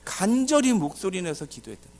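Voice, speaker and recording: Animated male pastor, lively high voice. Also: a little fast. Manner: animated preaching with loud dramatic outbursts; asks the congregation questions. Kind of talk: sermon. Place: church service.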